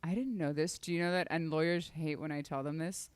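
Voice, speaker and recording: A comedian asking interview questions on a podcast, with dry, deadpan quips in between. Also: medium pitch, fairly quick, clean tone, no room sound.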